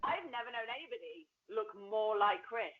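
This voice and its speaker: A woman's voice: mid-range voice, big pitch swings, moderate pace. A woman co-hosting a podcast in casual chat, talking freely and acting out quotes of other people. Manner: chatty, quotes people in acted-out voices. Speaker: podcast co-host. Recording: slightly dull lo-fi sound.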